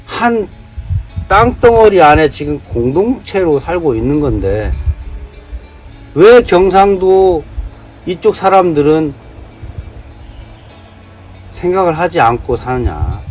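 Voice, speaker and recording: A man's voice: on the high side, sing-song, slow, pauses often, darkish tone, husky, soft background music. A man from Jeolla giving a heated monologue, firing off rhetorical questions. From Jeolla, South Korea. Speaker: vlogger. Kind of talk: casual monologue, day-drinking rant.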